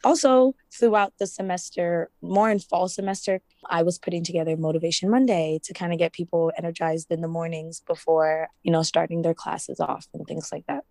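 Young woman, student rep, lowish voice, chatty, lots of fillers, dry close sound. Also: fairly even intonation, fairly quick, hardly any pauses, mellow, no echo. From Ghana, raised in the US. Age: young adult. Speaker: student representative. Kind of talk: casual interview.

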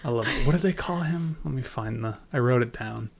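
Casual male podcast co-host, relaxed and chatty. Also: medium pitch, a little fast, vocal fry, over a noisy crowd. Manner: relaxed, chatty, laughs often. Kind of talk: casual chat about an anime.

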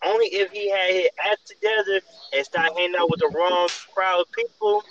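A man chats casually and tells a long, rambling sports story full of fillers. His voice sits a little high. The recording is muffled and lo-fi, with a faint hiss behind him. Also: very animated, fairly quick, a bit bright. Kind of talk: casual chat.

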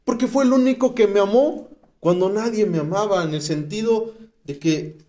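Reading and explaining scripture, a man with a Mexican accent preaches a slangy, emphatic testimony to addicts at a rehab center. His mellow voice sits high, and he talks at normal speed.

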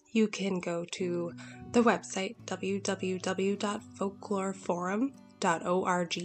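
A woman hosting a podcast and reading her own folktale retelling in a clear, measured way. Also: medium pitch, rough recording. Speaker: podcast host and storyteller.

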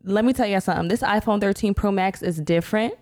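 A woman's voice: medium pitch, fast talker. Chatty young woman with a slight lisp. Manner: chatty, animated, uses slang. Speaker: podcast co-host. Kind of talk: casual chat.

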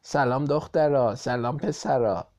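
A man's voice: mid-range voice, darkish tone, natural voice. A man voicing a silly, playful male clown with a funny nasal voice. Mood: goofy. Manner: slow, goofy, comic.

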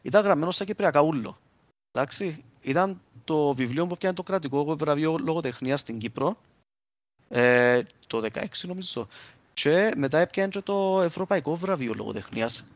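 A man's voice: fairly high pitch, expressive, dry recording. A man with a Cypriot Greek accent explains things informally with examples, speaking in dialect and slipping in standard terms. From Cyprus. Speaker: linguist speaker.

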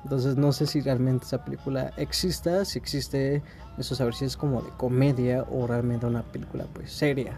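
A man's voice: medium pitch, fairly even intonation, moderate pace, dark tone, faint music behind. A man with a Mexican accent, talking casually and rambling in a laid-back, slangy way to his listeners. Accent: Mexican Spanish. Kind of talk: casual monologue.

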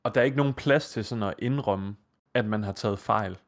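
A man co-hosting a gaming podcast, talking casually and enthusiastically, rambling through his thoughts. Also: lowish voice. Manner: enthusiastic, quick, rambling analysis. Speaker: podcast co-host. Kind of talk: casual chat.

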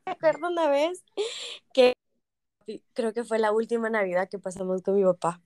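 Podcaster, higher voice, dry close mic, lively storyteller. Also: female voice, normal speed, dry recording. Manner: animated, acts out quoted voices. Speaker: podcast co-host. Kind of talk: casual storytelling chat.

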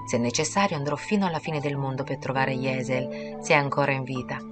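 An ardent young man, commanding yet tender, read by a woman. The voice sits low and speaks gently and earnestly. Clear music plays under the audiobook reading. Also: fairly even intonation, a little fast.

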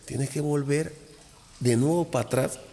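A man, a voodoo priest, talking as a podcast guest, animated, acting out little dialogues and repeating phrases. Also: a little high, unhurried. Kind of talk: casual podcast talk. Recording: long echoey reverb.

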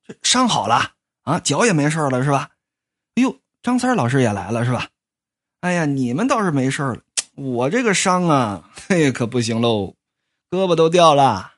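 Woman doing a cocky young guy, swaggering, stammering, lively swooping pitch. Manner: swaggering, quarrelsome, bursts into flustered stammering. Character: brash cocky young man back from the dead. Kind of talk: comic storytelling.

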